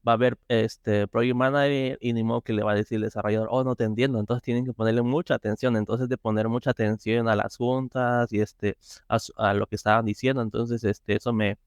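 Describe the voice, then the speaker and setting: A man's voice: mid-range voice, little pitch movement, brisk, clean tone, no echo, clean studio sound. A man, guest in a casual interview, talking hesitantly with many fillers and restarts. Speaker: interview guest, software tester.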